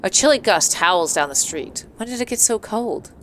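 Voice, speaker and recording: Reading a visual novel aloud in a let's play stream, this woman streamer speaks in a mid-range voice at normal speed with lively intonation. Her asides are playful, dramatic and giggly, and game music runs underneath.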